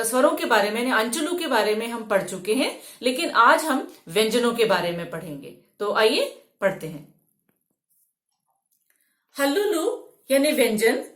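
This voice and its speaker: A woman's voice: high voice, echoey room. A woman teaching a language lesson, explaining patiently step by step and correcting herself now and then.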